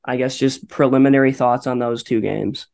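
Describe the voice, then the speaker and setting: A man's voice: mid-range voice, steady tone, normal speed, creaky, darkish tone. A man co-hosting a sports podcast, talking casually with many fillers and restarts. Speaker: podcast co-host.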